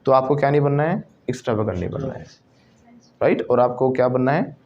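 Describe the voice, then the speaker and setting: A male teacher with an Indian accent giving a classroom lesson, mixing Hindi and English and repeating words slowly for students to copy. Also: medium pitch, expressive, darkish tone, dull audio.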